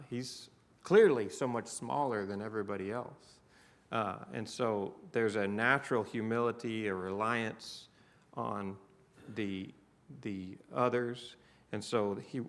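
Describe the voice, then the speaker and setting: A man's voice: lowish voice, fairly even intonation, a little slow. A man with a Southern US accent leading a church Bible class, talking in a conversational way and putting questions to the class. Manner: conversational, asks the class questions, many restarts.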